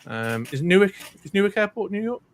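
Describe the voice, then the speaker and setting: High-pitched and swinging widely in pitch, the middle-aged North Wales man talks a little fast, with slight background noise. He's co-hosting a podcast in a British accent, chatting casually and rambling through ums and restarts.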